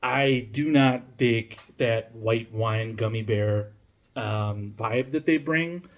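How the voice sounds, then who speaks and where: A man with a medium-pitched, slow voice casually reviews a beer on camera from a room at home in Denmark, where he lives. He rambles with lots of fillers and restarts, swears, and pokes fun at himself.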